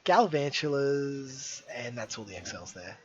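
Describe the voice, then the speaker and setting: A man commentating a live game match as caster, slightly hoarse, chatty, with apologetic asides. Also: medium pitch, expressive, measured pace, lo-fi sound. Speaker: esports caster.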